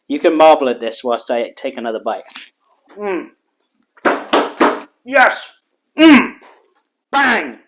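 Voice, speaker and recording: A man hosting a cooking vlog, walking through a burger recipe in calm voice-over and then tasting it on camera with loud, joking enthusiasm. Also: on the high side, a little hiss or hum. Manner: energetic and jokey, exclaims while tasting; calm, steady instruction in voice-over. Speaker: cooking show host.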